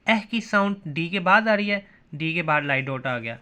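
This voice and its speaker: A man's voice: fairly high pitch, animated, normal speed, sharp tone, clear, resonant tone. A man teaching a shorthand lesson, who keeps asking questions and answering them himself. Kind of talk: classroom lesson.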